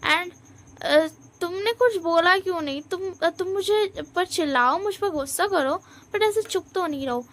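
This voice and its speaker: Nervous young man, stammering and pleading, high voice, as a woman puts him on. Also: measured pace, a bit bright, a little hiss or hum. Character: young man, cheerful and flustered.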